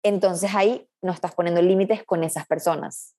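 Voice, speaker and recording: A woman's voice: on the low side, fairly even intonation, moderate pace, dark tone. A woman coach, a guest in a casual interview, talking in an earnest, reflective way with frequent restarts.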